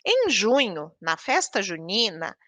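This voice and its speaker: A woman from Brazil giving an online training lecture to teachers. She explains patiently, reads out word lists slowly and keeps checking in with her listeners. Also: mid-range voice, big pitch swings, sharp tone, no echo.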